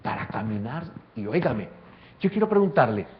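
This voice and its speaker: A man's voice: medium pitch, sing-song, normal speed, highs cut off, a little hiss or hum. A man, a pastor preaching an impassioned sermon and calling listeners brother. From El Salvador. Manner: impassioned preaching, swings from soft asides to loud climaxes; addresses listeners directly as brother.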